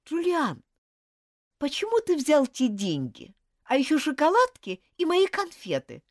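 Woman voicing a shrill, insistent schoolgirl monitor. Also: wildly swooping pitch, unhurried, dry recording, clean studio sound, full character voice. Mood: accusing. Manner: shrill, pleading, loud outbursts. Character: fiery girl school monitor, indignant and insistent. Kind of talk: audiobook reading.

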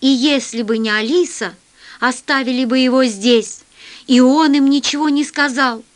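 A woman's voice: sits high, moderate pace, lightly acted. Woman reading a loyal male captain, urgent, pleading, storybook sci-fi.

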